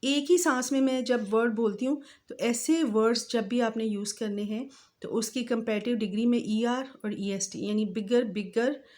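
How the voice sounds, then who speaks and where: A woman teaching English grammar in a patient voice-over, slowly spelling out word forms. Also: on the high side, a little mellow. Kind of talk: grammar lesson explained over slides.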